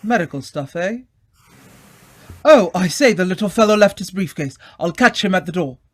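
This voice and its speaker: In the manner of an old-time radio drama, an actor plays a breezy, affable British gentleman who is hearty, polite, and fond of old-fashioned phrasing. His voice is high-pitched and expressive, delivered at a normal speed in a casual mood.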